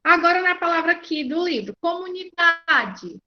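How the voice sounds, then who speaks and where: A Brazilian woman teacher runs an online class, patient and often checking that her students are following, with a Brazilian Portuguese accent. Her voice is high with lively intonation at a moderate pace, captured over a video call with muffled lo-fi audio.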